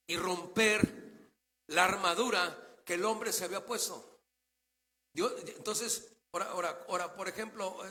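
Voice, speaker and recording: A man preaching a sermon as pastor, asking rhetorical questions and answering them himself, shifting between quiet asides and loud declarations. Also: sits high, in a large hall. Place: church sanctuary.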